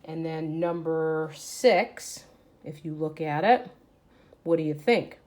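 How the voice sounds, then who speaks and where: Speaking slowly in a low, slightly mellow voice, an elementary school teacher reads aloud to children. She explains throughout the lesson, frequently raising questions and answering them on her own.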